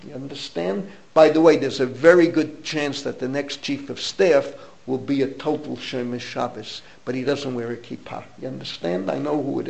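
A rabbi, an older man with an American accent, gives an informal Torah class, driving points home by repeating phrases and slipping in Hebrew words, emphatic and opinionated throughout. His voice is mid-range and gravelly, captured in a low-quality recording.

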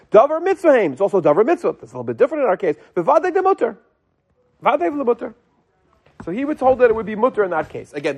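A middle-aged rabbi with a somewhat high-set voice leads an informal class. He talks in an animated, conversational way, posing rhetorical questions and answering them himself. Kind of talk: informal religious law lecture.

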